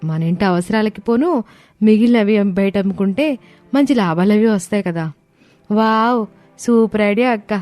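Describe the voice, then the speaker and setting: A woman voicing young daughters-in-law in an animated story, eager and pleading. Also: mid-range voice, normal speed, pauses often, no echo, soft background music, natural voice.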